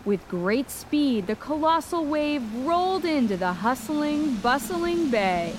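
A woman narrating a children's story in an expressive, animated way. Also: sits high, slow, noisy background.

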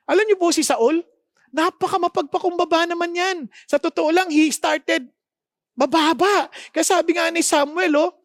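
A woman's voice: very high voice, normal speed, dry recording, studio quality. A woman from the Philippines with a Filipino accent, preaching a sermon that mixes Tagalog and English, putting rhetorical questions to her listeners and explaining words with emphasis. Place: podcast recording.

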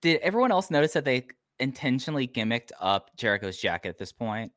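A man's voice: medium pitch, sing-song, fast talker, a bit bright, dry recording. A rambling, self-deprecating man with an Appalachian accent, chatting casually as a podcast co-host. His voice sits in a middle range and sounds close and dry. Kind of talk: casual chat.

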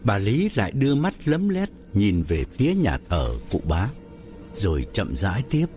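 Guy reading a ghost story slow and steady, voice swings up and down a lot. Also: on the low side, faint music behind. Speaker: narrator.

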